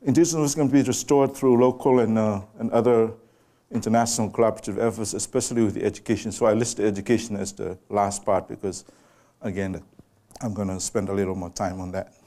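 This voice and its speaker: A Samoan man, appearing as a guest lecturer, gives a public talk in a lecture room before a live audience. His voice is fairly low, steady, and mellow, and he takes his time, quizzing the listeners directly.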